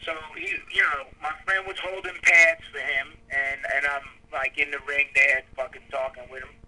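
A man's voice: on the high side, level tone, moderate pace, bright, forceful tone, rough recording. A man in his fifties, a guest author in casual podcast talk, swearing constantly, with stammered restarts. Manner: profane, emphatic, stammering restarts.

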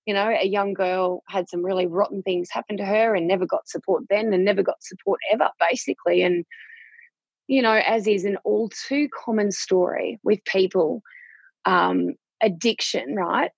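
A woman's voice: medium pitch, moderate pace, gravelly, breathy edge, no echo, lo-fi sound. A woman in her forties with an Australian accent, talking frankly and chattily as an interview guest. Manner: frank and chatty, with casual Aussie slang. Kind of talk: candid personal interview.

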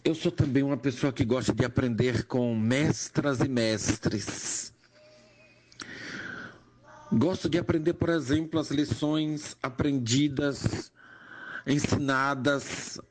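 An older man with a Pernambuco accent, a nurse and educator, giving a slow, measured personal testimony that rises in emphasis on key points. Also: medium pitch. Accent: Pernambuco Portuguese. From Brazil, Pernambuco.

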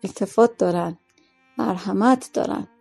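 A woman voicing a sly, respected man who speaks quietly and knowingly, in a story reading. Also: medium pitch, gravelly, slightly rough, soft background music. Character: sly, respected middle-aged man, smug.

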